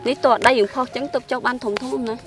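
A woman's voice: fairly high pitch, steady tone, quick pace. A woman hosting a cooking vlog, chatting and laughing often while harvesting outdoors on a farm. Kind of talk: casual chat while harvesting. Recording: loud music under voice.

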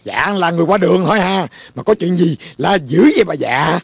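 A man playing a suspicious accomplice in a comedy sketch, with a scoffing, quick-witted manner. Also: fairly high pitch, expressive, vocal fry, slightly rough, no room sound, exaggerated voice. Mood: smooth-talking. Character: suspicious young male accomplice. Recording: faint music behind.

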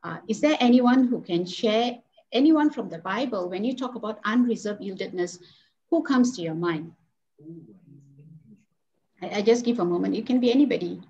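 A woman's voice: mid-range voice, expressive, moderate pace, long pauses, dark tone, dull audio. A woman leading a devotional Bible study over a video call, speaking hesitantly with many fillers and restarts.

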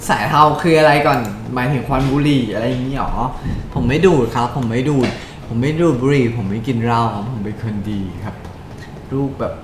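A man's voice: medium pitch, fast talker, hardly any pauses. Joking young man chatting on a game stream. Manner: joking, reads and answers viewer chat aloud. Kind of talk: casual live-stream chat. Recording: echoey room with background noise.

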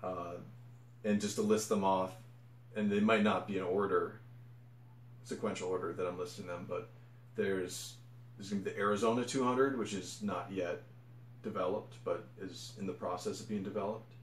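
A man's voice: low voice, fairly even intonation, moderate pace, echoey room, a little hiss or hum. A man talking casually to camera about running challenges, rambling and correcting himself as he goes. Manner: rambling, self-correcting, enthusiastic. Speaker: ultra runner vlogger. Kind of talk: casual unscripted monologue.

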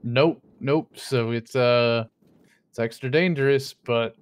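A man's voice: mid-range voice, takes it slowly, smooth. A man voicing his roleplay character in casual chat, rambling with many fillers and joking in a mock-innocent way. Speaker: streamer playing a roleplay character.

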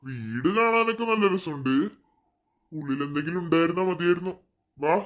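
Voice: mid-range voice, brisk, background noise, close to an everyday voice. A voice actor playing an aging, slightly deaf burglar boss in a cartoon, bossy and grumbling.

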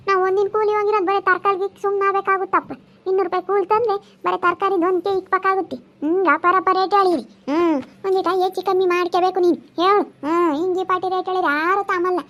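A woman's voice: very high voice, steady tone, a bit bright, lo-fi sound. A woman playing a scolding village woman, haggling over vegetable prices. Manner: nagging, rapid-fire scolding. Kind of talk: comedy sketch acting.

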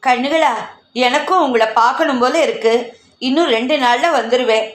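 A woman's voice: high-pitched, moderate pace, natural voice. A woman voicing Pankajam, a lonely and touchy older grandmother who talks in a plaintive, complaining way, in an audio story. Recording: echoey room.

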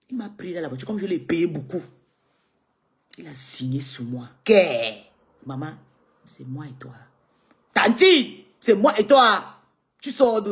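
A woman from Cameroon, scolding a critic in a combative monologue, swinging from low mutters to high outbursts. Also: slightly rough. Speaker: live streamer answering a critic. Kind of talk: heated monologue on a live video.

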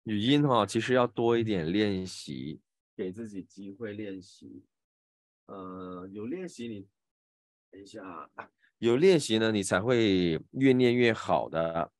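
A man with a Malaysian Mandarin accent teaching pronunciation in an online class, patiently demonstrating each sound with drawn-out repetitions. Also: lowish voice, expressive, dry recording, clean studio sound. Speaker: voice acting teacher.

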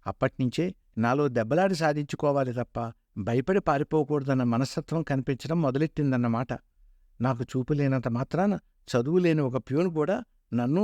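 A man in his sixties narrating his own life story in a steady, earnest way. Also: medium pitch, dry recording. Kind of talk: autobiographical narration.

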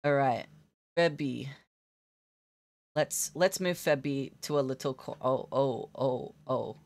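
A young woman live-streams herself drawing and chats casually with her viewers, giggling and gushing as she talks to chat. Her voice is very deep, slightly mellow, and slow.

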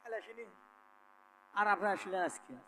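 A man preaching a devotional story in a sing-song way, pausing to question his listeners directly. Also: high-pitched, fairly bright tone, slight background noise, rough recording. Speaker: devotional folk singer and preacher.

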